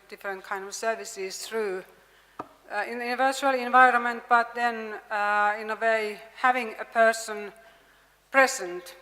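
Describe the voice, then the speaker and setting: A woman presenting her university's project at a conference, earnest and halting, with many fillers. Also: mid-range voice, pushed and bright. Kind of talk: conference pitch and answers. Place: conference hall with audience. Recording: reverberant conference hall.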